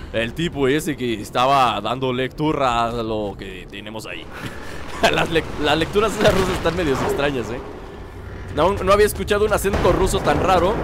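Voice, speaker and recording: A man doing joking, chatty let's-play commentary with sudden excited yelps. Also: high voice. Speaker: gameplay commentator.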